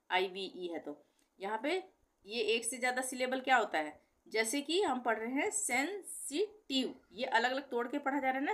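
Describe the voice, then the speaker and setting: With a fairly high, slightly bright voice, a middle-aged woman teaches pronunciation. She repeats example words patiently and works through questions of her own, answering each as she explains.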